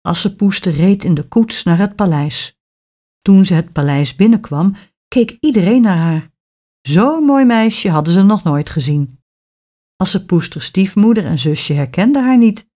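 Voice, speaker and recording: Expressive woman reading a children's story. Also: medium pitch, unhurried.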